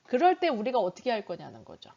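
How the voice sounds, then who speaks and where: A middle-aged woman giving an online parenting lecture, animated and asking the audience questions as she acts out parent and child dialogues. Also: on the high side, fast talker, gravelly, husky, lo-fi sound. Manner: asks the audience rhetorical questions.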